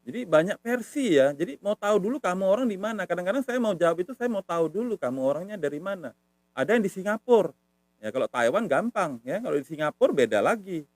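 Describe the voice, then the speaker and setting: Lively-voiced man teaching tones. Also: sits high, fast, dry recording. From Medan, Indonesia. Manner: patient, repeats words to demonstrate tones. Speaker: language teacher. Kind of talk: casual online lesson.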